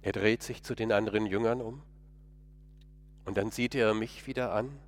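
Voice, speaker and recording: A man's voice: on the low side, steady tone, normal speed. A man delivering a first-person dramatic monologue sermon in an earnest, emotional, pleading way.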